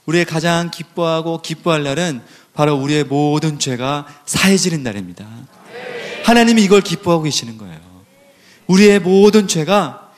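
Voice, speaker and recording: A pastor preaching a sermon, asking rhetorical questions and building to emphatic, raised passages. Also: male voice, on the high side, expressive, moderate pace.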